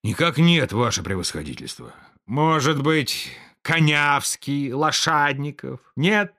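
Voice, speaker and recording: A man's voice: on the high side, big pitch swings, sharp tone, heavily acted. A man doing a mumbling old steward. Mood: puzzled. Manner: slow muttering, deferential. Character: slow, forgetful old male estate steward.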